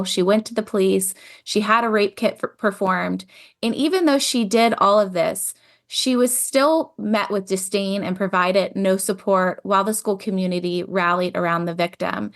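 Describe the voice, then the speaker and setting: A woman hosting a podcast, opening with a scripted intro and then talking in an articulate, measured way. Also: medium pitch. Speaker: podcast host.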